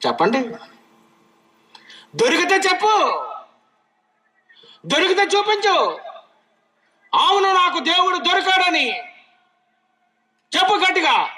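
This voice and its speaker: High bright-voiced male preacher. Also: a little hiss or hum, low-quality recording. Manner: questioning the congregation, swinging between loud calls and low asides. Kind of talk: sermon.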